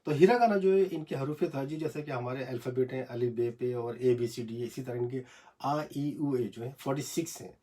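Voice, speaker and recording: A man teaching Japanese script in a casual, halting home video lesson, recorded on a phone in a small cramped room. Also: mid-range voice, mellow. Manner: hesitant, many fillers, repeats syllables slowly.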